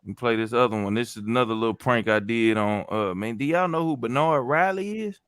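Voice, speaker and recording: A man's voice: medium pitch, fairly quick, fairly bright tone, clean tone, no room sound. Laid-back slangy host man. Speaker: stream host. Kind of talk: casual chat.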